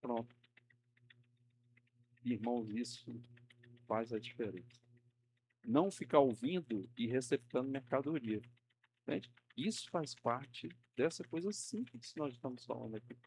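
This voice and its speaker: A man's voice: mid-range voice, animated, a little slow, pauses often, darkish tone. Man, Sunday school teacher, chatty, acts out stories, faint background hum. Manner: conversational, uses tag questions like "né?" often; acts out quoted people in a raised voice. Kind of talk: church class teaching. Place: church classroom.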